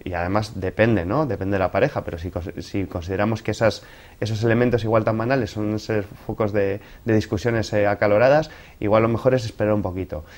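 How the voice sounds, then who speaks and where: A man's voice: fairly low pitch, fairly even intonation, a little fast, darkish tone. A man from giving relationship advice in an interview, explaining things didactically through examples.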